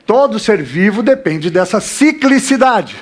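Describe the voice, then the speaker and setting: A man with a Brazilian Portuguese accent giving a relaxed live lecture, joking crudely, asking rhetorical questions, swinging between loud and soft and checking in with the audience. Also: high voice, a little slow. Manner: constant checks like "tá?" and "né?".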